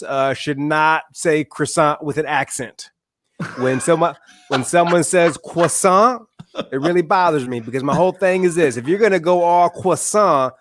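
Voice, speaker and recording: A man from Michigan, a guest author and speaker, chatting in a relaxed, wry and opinionated way over a video call. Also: fairly high pitch, no echo. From Michigan, USA. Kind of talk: casual interview chat.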